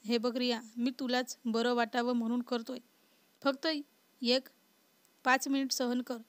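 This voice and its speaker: Woman reading a hot-headed young guy in an audio love story, flat even voice, dry close sound. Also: on the high side, unhurried, dry recording, close to an everyday voice. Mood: calm. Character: young man, a short-tempered protective boss.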